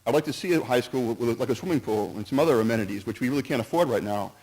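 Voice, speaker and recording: A resident gives public comment in a town meeting hall, speaking haltingly, restarting and jumping from point to point. He's earnest and cautious, hedging with "in my opinion." His medium-pitched voice is expressive and a little mellow, though the audio is poor.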